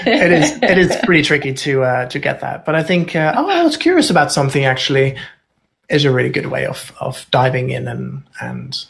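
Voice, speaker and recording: This guest expert's voice is medium-pitched, expressive, fairly quick, and fairly bright, with vocal fry. He's a man raised in Norway whose native language is Dutch, speaking English in a casual interview where he thinks aloud candidly and drops wry asides.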